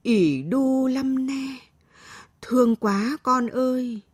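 Old granny done by a woman reader chanting real slow, kinda husky. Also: high voice, no room sound, clean studio sound, voice pushed up, full character voice. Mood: tender chanting. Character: old grandmother chanting to call back a soul.

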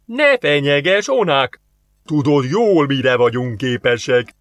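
A man voicing a scheming male alien diplomat in an audiobook, formal and calm, quoting rules. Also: medium pitch, dry recording, close to an everyday voice. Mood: defensive.

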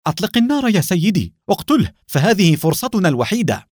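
A man's voice: mid-range voice, big pitch swings, fast, darkish tone, no room sound, studio quality. A man voicing a young female agent who speaks with urgency. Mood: urgent. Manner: urgent, insistent.

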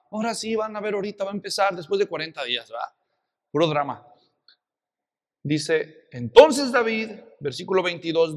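A man with a Mexican accent preaching a sermon, telling a Bible story in a lively way with many rhetorical questions. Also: high voice, big-room sound. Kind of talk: expository sermon.

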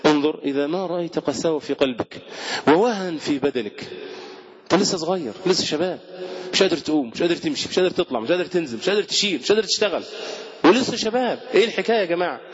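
A man's voice: on the high side, lively intonation, rapid-fire. A man with an Egyptian Arabic accent giving a fervent Ramadan sermon as a sheikh, repeating words for emphasis. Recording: dull lo-fi recording.

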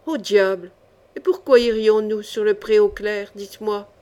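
A woman's voice: mid-range voice, fairly even intonation, moderate pace, mellow, lightly acted. Woman reading as an icy mocking young chevalier. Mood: cool. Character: cool ironic young male chevalier swordsman.

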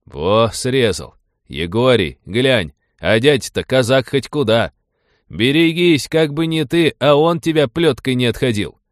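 A rowdy cossack onlooker, calling out with slow, drawn-out jeers and a loud, lively swing, as a male narrator puts him on. Heard dry and close in a storybook reading. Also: mid-range voice, dry recording, voice pushed up, lightly acted. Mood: jeering. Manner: jeering, drawn-out calls.

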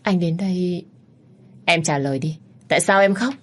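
A woman's voice: on the low side, moderate pace, natural voice. A woman reading as a worried devoted boyfriend. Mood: anxious. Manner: urgent, pleading questions. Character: young man, devoted worried boyfriend, company director.

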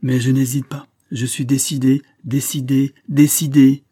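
A man's voice: mid-range voice, measured pace, mellow, slightly rough. A man voicing a bitter petite lady. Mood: resolute. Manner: bitter, speaking through her teeth.

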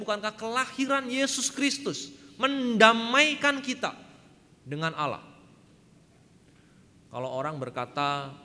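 A man's voice: a little high, pushed and bright, in a large hall. A man preaching a sermon, emphatic and often addressing the congregation directly, telling a story. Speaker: pastor. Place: church hall.

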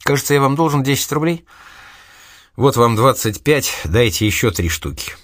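A man's voice: mid-range voice, lively intonation, moderate pace, fairly bright tone, no room sound, studio quality, pitched above the performer's own voice, close to an everyday voice. A man reading an audiobook, voicing a sincere, naive young man who has lost his memory, speaking hesitantly. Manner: hesitant, earnest.

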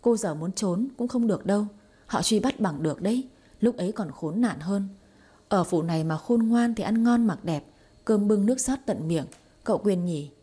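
A bold, scheming young wife, as a woman reader voices her in an audio story, quick to scold and mock. The voice is mellow and a bit husky. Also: medium pitch, expressive. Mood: sharp.

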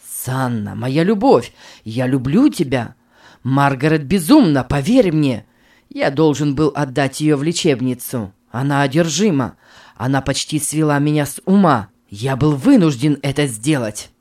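A woman's voice: a bass voice, lively intonation, a little slow, darkish tone, heavily acted. A woman voicing an anguished married man begging his young lover to take him back, in a read-aloud story. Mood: desperate. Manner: pleading, wheedling.

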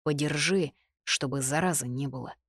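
Woman reading as a calm protective man. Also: low-pitched, moderate pace, no echo, clean studio sound, voice pushed down. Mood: caring.

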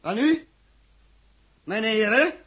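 Here the same 1960s Dutch radio play has an actor voicing a fiery space captain who rails against the government with accusatory, rhetorical passion, sounding urgent and demanding. He uses a full character voice: high-pitched and animated, slightly rough and a bit bright, taking his time.

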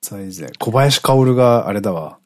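A man's voice: mid-range voice, lively intonation, unhurried, a little mellow. A middle-aged man co-hosting a radio show, chatting casually, laughing often and rambling off into asides.

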